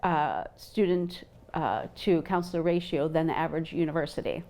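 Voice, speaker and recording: Female counselor, lowish voice, explanatory and a little hesitant in interview. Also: normal speed, a little mellow. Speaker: university mental health counselor. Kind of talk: interview answer.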